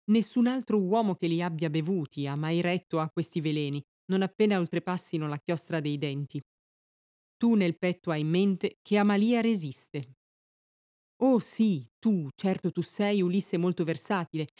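A seductive, cunning goddess, ageless and sure of her charms, as a woman reader voices her. The voice sits low and mellow, pleading and coaxing in formal epic verse. The sound is close and dry. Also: dry recording, lightly acted. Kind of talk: epic poetry read aloud.

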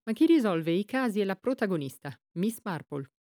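A woman narrating a mystery novel as an audiobook, with a measured, even reading. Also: mid-range voice, no echo, clean studio sound.

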